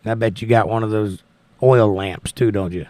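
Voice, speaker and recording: A man's voice: on the low side, steady tone, normal speed, darkish tone, no room sound. An American man with a crackly voice chats casually as a livestream host, reading out messages and thanking people in a folksy way. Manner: folksy, thanking and blessing listeners. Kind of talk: casual live chat, reading out viewer messages.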